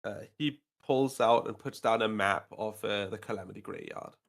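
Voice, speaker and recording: A man's voice: fairly low pitch, normal speed, gravelly. A man running a tabletop game, narrating loosely and teasing his players, with plenty of fillers. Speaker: game master.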